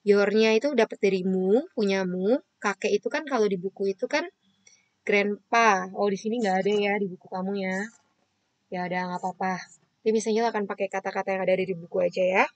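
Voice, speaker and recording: A woman's voice: mid-range voice, steady tone, a little fast, no echo. Patient woman teaching kids. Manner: patient, explains step by step to kids, asks and answers her own questions. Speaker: primary school English teacher. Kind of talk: online children's lesson.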